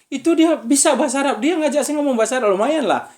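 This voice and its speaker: A man's voice: extremely high pitch, fast, darkish tone. Chatty Indonesian preacher man. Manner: conversational, keeps asking "ya kan?". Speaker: visiting preacher. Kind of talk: religious study talk to students.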